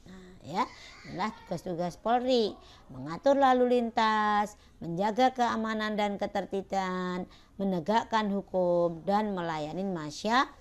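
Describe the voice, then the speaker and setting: A woman's voice: medium pitch, a little slow. A woman teacher explaining a lesson to children, with many "ya" and "nah" checks. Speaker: primary school teacher. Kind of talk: recorded class lesson.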